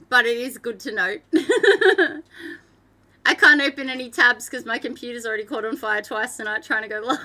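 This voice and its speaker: High, bright Australian woman streamer. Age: young adult. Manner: rambling, sweary, laughs often, near tears. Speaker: livestreamer. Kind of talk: casual live stream chat. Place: downstairs room at home.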